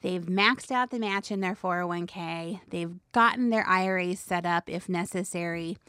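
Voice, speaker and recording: Woman radio host, lowish voice, dry sound. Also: moderate pace, pushed and bright, clear, resonant tone, no room sound. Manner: explanatory, informal. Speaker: financial radio show host. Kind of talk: conversational financial advice broadcast.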